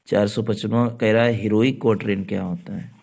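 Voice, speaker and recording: A man teaching an exam-prep literature lesson, speaking slowly, repeating points and spelling out words letter by letter. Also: on the low side, fairly even intonation, gravelly, darkish tone. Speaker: coaching teacher.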